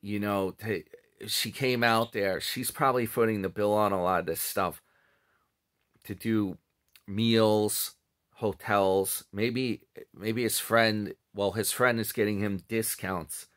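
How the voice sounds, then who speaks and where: Speaking slowly with fairly even intonation and a lowish voice, a middle-aged vlogger wanders chattily through commentary on another channel's videos. He self-corrects as he goes, in a small room at home, with close webcam or phone sound.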